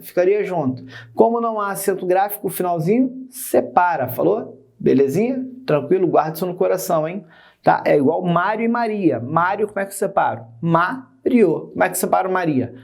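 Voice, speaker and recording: A young Brazilian man teaches a grammar lesson in a playful, chatty way, often calling the viewer "son." His voice sits high for a man, with a gravelly, creaky edge. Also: a little mellow. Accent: Brazilian Portuguese. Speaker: Portuguese teacher. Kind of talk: energetic video lesson.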